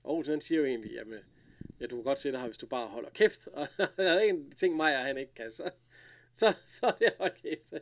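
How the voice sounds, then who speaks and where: Gravelly man retelling a story. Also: mid-range voice. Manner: retells scenes with lively quoted lines and frequent laughs. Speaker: podcast co-host recapping an episode. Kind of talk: casual chat.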